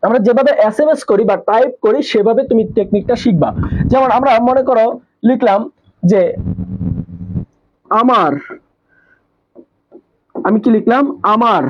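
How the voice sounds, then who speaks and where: A man's voice: very high-pitched, lo-fi sound. A man teaching a live online exam-prep class, repeating key points and asking questions that he answers himself. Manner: repetitive, asks questions and answers them himself.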